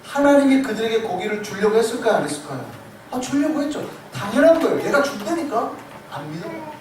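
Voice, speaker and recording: Male pastor preaching with animated storytelling; picked up from far off, with room noise. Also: very high voice, fast talker. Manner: animated storytelling, acts out quoted voices. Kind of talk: sermon. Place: church sanctuary. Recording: echoey sanctuary, distant mic, noisy.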